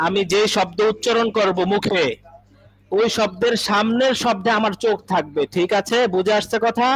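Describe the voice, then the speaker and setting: Guy teaching arabic online, pretty high voice, says stuff twice, keeps asking "got it?". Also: normal speed, soft background music, poor audio. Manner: repeats phrases, keeps checking if students understand; patient, explains with everyday examples. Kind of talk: online class lecture.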